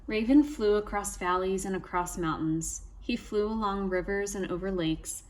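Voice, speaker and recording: A woman's voice: mid-range voice, moderate pace. A woman reading a trickster tale aloud from a picture book, prompting young listeners with questions and wondering aloud. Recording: steady background ambient noise.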